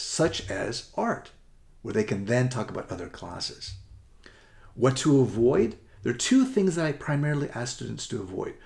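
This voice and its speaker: A middle-aged man giving an upbeat, rushed presentation as a college essay coach, often correcting himself mid-sentence. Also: medium pitch, vocal fry, darkish tone. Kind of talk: presentation to parents and students.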